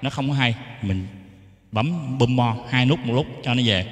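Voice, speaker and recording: A man's voice: medium pitch, measured pace. A man gives a casual how-to lesson on keyboard mic settings. He explains each setting and tests the mic with short sung syllables. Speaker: keyboard sound tutor. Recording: echoey room with long reverb.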